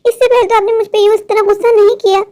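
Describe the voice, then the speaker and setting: A woman voicing a caring, chatty wife in a cartoon, who fusses, asks questions and gently scolds. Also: very high-pitched, level tone, rapid-fire.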